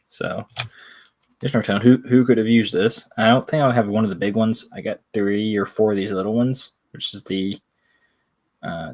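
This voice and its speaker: A man with a Tennessee accent chats casually and folksily on a live sales stream, a bit self-deprecating. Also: lowish voice. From Tennessee, USA. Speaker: coin seller.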